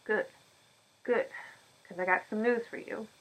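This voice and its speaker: Brief: woman doing loud, drawling old farm handyman, teasing, storybook reading. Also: medium pitch, steady tone, a little slow, close to an everyday voice, low-quality recording. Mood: eager. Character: folksy older male farm handyman, teasing.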